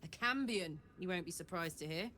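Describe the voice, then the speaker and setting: A woman's voice: on the low side, animated, a little fast, pushed and bright. A woman playing a hardened, wry and candid adventurer companion in a video game, speaking conversationally. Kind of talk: naturalistic video game dialogue. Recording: faint noise, background ambience.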